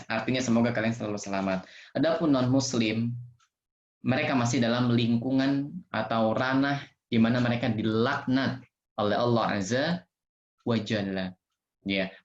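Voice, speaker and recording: Male kids' teacher, gentle and patient, over a roomy, muffled video call. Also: mid-range voice. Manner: gentle, patient, speaks to kids with playful examples. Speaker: children's religious teacher. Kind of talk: online Q&A lesson for children.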